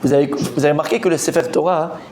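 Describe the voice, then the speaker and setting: Un homme rabbin qui donne un cours de Talmud animé, interroge ses élèves et répète ses mots en s'emportant. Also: male voice, rapid-fire, crowd noise. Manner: animated, quizzes the students, repeats words, rising pitch when excited. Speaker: rabbi teaching a Talmud class. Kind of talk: lively Torah class.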